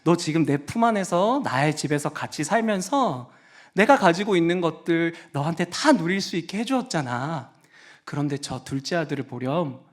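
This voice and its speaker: Preacher as a tender old father, quiet, coaxing, patient. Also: on the high side, lively intonation, normal speed. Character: gentle, loving older father pleading with his son.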